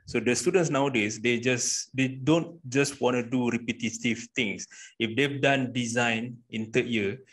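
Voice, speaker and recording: A man's voice: mid-range voice, a little slow, a bit bright. A man with a Malaysian accent explains informally as a lecturer answering questions, acting out quoted speech and mixing in Malay words. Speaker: university design lecturer and webinar speaker. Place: indoors, video call. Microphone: video call microphone.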